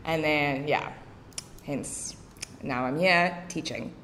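A young South African woman with a South African accent, chatting casually as a podcast guest and often filling pauses with "um". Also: low-pitched, fairly bright tone. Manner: chatty, many fillers.

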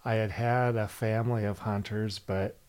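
A man's voice: lowish voice, fairly even intonation, normal speed, darkish tone, smooth. A man from Minnesota speaking as a guest in an easygoing, slightly hesitant way. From Minnesota, USA. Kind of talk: casual conversation.

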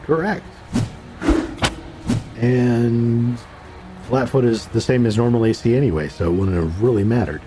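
A man's voice: medium pitch, unhurried, pauses often, background noise. A man acting as game master, casually narrating and adjudicating a tabletop game.

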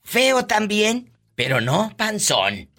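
A radio host doing comedic banter, teasing callers and shouting catchphrases with a flamboyant manner. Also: medium pitch, wildly swooping pitch, slow, background noise.

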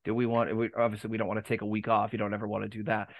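A man's voice: on the low side, completely flat delivery, very fast, highs cut off. A man hosting a casual podcast chat, rambling with many restarts and laughing easily. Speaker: podcast host.

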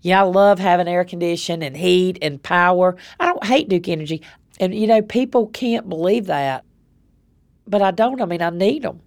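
A woman from North Carolina with a Southern US accent recounts her own experience in a plain, conversational way. Her voice sits on the lower side and carries a gravelly, creaky edge. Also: normal speed, darkish tone. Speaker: affected resident telling her story. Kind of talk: personal storytelling.

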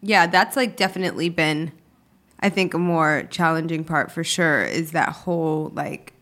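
A young woman from New York hosts a casual chat, affirming her guest often and asking long, meandering questions. Her voice is a little low in pitch but bright and forward. She sounds chatty and easygoing. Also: moderate pace. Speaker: interview host.

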